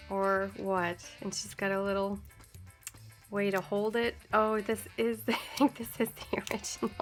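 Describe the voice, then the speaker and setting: A young adult woman vlogging a casual unboxing of art supplies, gushing and excitable and often breaking into giggles. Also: fairly high pitch.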